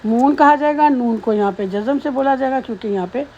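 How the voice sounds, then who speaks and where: A woman teaching Quran recitation, patiently explaining pronunciation between slowly chanted verses. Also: high-pitched, dark tone, dull audio, a little hiss or hum. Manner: slow melodic chanting of verses, then patient spoken explanation. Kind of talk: tajweed lesson, recitation with explanation.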